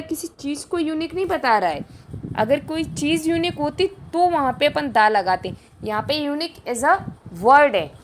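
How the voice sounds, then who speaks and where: A high-voiced woman teaching an exam-prep grammar lesson into a close mic. She explains each rule step by step, asks rhetorical questions and answers them herself. She repeats key points and stretches out the example sentences as she reads them. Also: a little hiss or hum.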